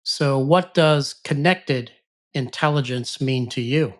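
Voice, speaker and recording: A man's voice: medium pitch, slow. Man, podcast host, courteous, reflective, asking interview questions.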